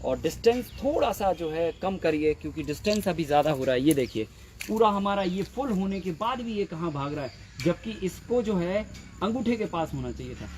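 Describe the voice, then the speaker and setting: A man's voice: sits high, animated, fairly quick, a little mellow. A man leading a farming training session outdoors, patiently talking trainees through the work and repeating his words as he goes. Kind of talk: outdoor field instruction. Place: farm field outdoors. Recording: faint outdoor insect noise.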